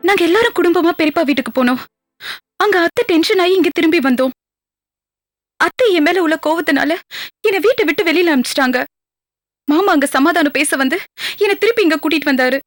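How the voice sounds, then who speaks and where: A woman's voice: very high-pitched, lively intonation, quick pace, pauses often, dry recording, studio quality, soft background music. An actress playing a hurt young wife in a TV serial, reproaching her husband. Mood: reproachful. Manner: pleading, reproachful. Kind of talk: Tamil TV serial acting.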